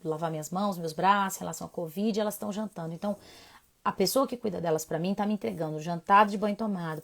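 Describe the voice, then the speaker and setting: A woman, a child sleep doctor chatting casually through a live Q&A, animated and talkative. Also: mid-range voice. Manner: animated, chatty, swinging between soft asides and emphatic bursts. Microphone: phone mic on a social media live stream.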